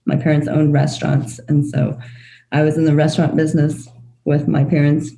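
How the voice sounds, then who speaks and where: A woman's voice: low-pitched, flat delivery, moderate pace, creaky, mellow, rough recording. A woman from Taiwan, a mother, talking in a direct, upbeat way as a guest in a casual interview.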